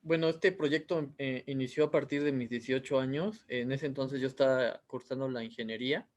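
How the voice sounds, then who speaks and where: A man's voice: mid-range voice, fairly even intonation, moderate pace, a little mellow. A Mexican man in his thirties, an author answering interview questions in a rambling way with many fillers. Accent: Mexican Spanish. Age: 30s.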